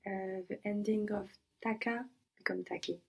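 A woman's voice: mid-range voice, fairly even intonation, creaky, breathy edge. A woman answering in a language lesson, tentative and sounding out each word. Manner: slow and tentative, sounding out words. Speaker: language student.

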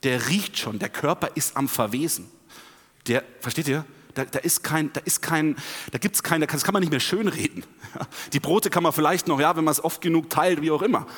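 A male preacher with a fairly high voice delivers a sermon in a large space with a long, ringing reverb. He drops to near-whispers for asides, then climbs to loud, emphatic peaks. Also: moderate pace.

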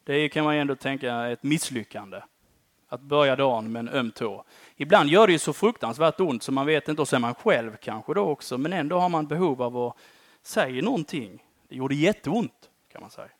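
Guy preaching a sermon, super lively up and down voice, loud then quiet, keeps saying va?, dry sound. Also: medium pitch, no echo. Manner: conversational, often ends phrases with a questioning "va?"; dynamic, swings between loud emphatic lines and quiet dropped-off endings.

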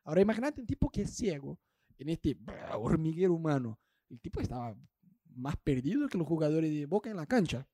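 An Argentine male preacher tells a Bible story in a casual, humorous style and acts out the voices. His voice is high and very animated, swinging widely in pitch. The sound is close and dry. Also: brisk, no echo. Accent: Argentine Spanish.

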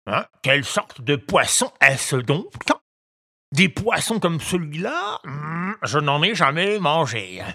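A huge green fisherman, greedy and gloating, crowing over his catch in a high, sing-song voice that swoops up and down, as a storyteller puts him on. The sound is close and dry. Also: sing-song, slow, creaky, bright, forceful tone, no echo, full character voice.

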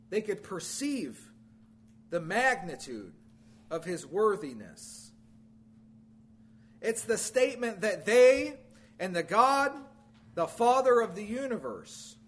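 A man preaching a sermon, emphatic and repetitive, swinging between loud declarations and low, quiet phrase endings. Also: breathy edge.

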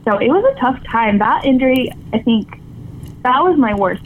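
A woman's voice: on the high side, expressive. Tearful young woman on a phone line. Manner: tearful, halting, many fillers. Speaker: guest, former softball player. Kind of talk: emotional interview storytelling. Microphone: phone call. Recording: tinny phone line with faint noise.

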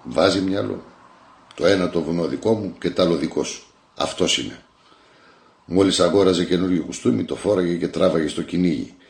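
A man's voice: deep voice, gravelly, darkish tone, echoey room. A man voicing a long-suffering old grandmother who talks with weary resignation about her husband. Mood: resigned.

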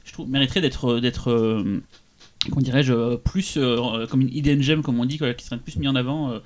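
A man interviewing filmmakers in a casual chat, hesitating with fillers. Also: medium pitch. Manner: fast, hesitant, many fillers.

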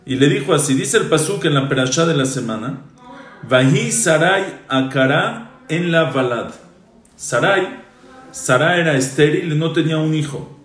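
A man's voice: on the high side, animated, moderate pace, fairly bright tone. A man, a rabbi, teaching a Torah class, quoting passages in Hebrew and Aramaic, then explaining and repeating phrases. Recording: roomy echo.

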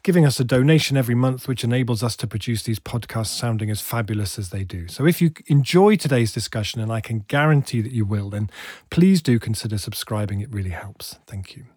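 A man's voice: mid-range voice, animated, fast, a little mellow, husky, no room sound, studio quality. A man hosting a podcast, reading a scripted introduction with enthusiasm and playful asides. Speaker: podcast host.

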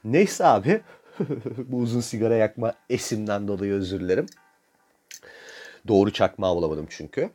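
A man's voice: fairly low pitch, expressive, normal speed, pauses often, a little mellow, faint music behind. A man in his thirties from Turkey, ranting profanely and mocking himself in a casual monologue, often breaking into laughter. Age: 30s.

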